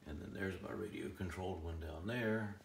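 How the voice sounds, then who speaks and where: A man giving a relaxed, rambling tour of his collection at home, filmed on a handheld phone, with frequent chuckles. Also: deep voice, moderate pace, vocal fry, reverberant, a little hiss or hum. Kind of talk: casual filmed walkthrough. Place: room in a home.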